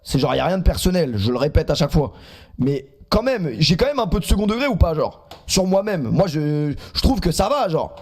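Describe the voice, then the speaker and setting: A man's voice: fairly high pitch, sing-song, fairly quick, a little mellow. A man in his twenties streaming live, reacting to clips and chatting in a teasing, self-mocking way.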